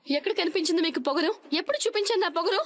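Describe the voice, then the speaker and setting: Defiant daughter-in-law, very high voice, fast delivery, TV serial drama. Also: female voice, lively intonation. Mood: indignant. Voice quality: indignant, pleading. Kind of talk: TV serial acting.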